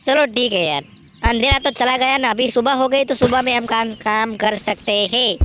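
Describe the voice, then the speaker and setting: A man's voice: extremely high pitch, moderate pace, pushed and bright. A man voicing a boastful, bossy young man who brags and orders others around, as gaming commentary in character. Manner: bragging, impatient, bossing others around. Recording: noisy background.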